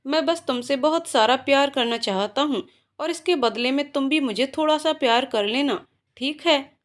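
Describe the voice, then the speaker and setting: A woman's voice: high-pitched, normal speed, natural voice. A woman voicing a playful, loving young male professor in a told story, teasing and coaxing. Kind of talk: storytelling voices.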